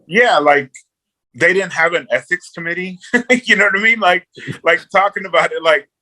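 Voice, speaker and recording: A man's voice: high voice, normal speed, sharp tone, poor audio. A man, a guest on a movie review podcast, talking casually and rambling, repeating words and saying "you know" a lot.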